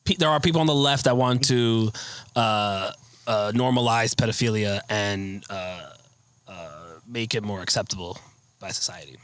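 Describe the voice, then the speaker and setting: A man's voice: on the low side, normal speed, fairly bright tone, dry recording. A man co-hosting a casual podcast chat, lecturing at length with hesitant restarts. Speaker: podcast co-host.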